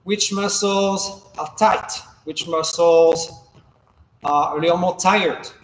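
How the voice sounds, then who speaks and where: A young man, a coach, giving calm, measured step-by-step instruction while demonstrating exercises in a large indoor hall. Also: on the high side. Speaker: fencing coach. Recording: echoey gym hall, faint background noise.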